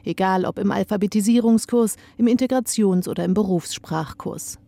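A woman reads a scripted radio report in a mellow, slightly gravelly voice. The sound is close and dry, with no room around it. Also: medium pitch, normal speed, no room sound.

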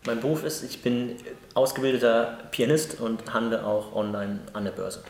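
A man's voice: mid-range voice, normal speed, gravelly, crowd noise. A man in his early thirties giving brief, matter-of-fact interview answers. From Germany. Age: 30s. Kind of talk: casual interview. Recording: roomy recording with faint hiss.

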